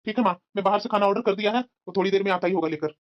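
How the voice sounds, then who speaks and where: A woman voicing a gentle young married son in a cartoon story, soothing and persuasive. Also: mid-range voice, very fast, muffled recording, lightly acted. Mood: coaxing. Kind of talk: cartoon voice acting.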